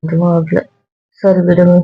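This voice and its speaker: A woman's voice: lowish voice, little pitch movement, unhurried, breathy edge. A woman in a couple's argument vlog, talking to her partner in a hurt, weary, lecturing way. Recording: dull lo-fi sound.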